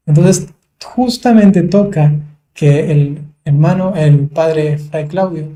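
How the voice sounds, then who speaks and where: Priest guy hosting a live chat, soft dark tone, slightly high, lots of ehs. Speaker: priest, host. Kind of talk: conversational livestream talk.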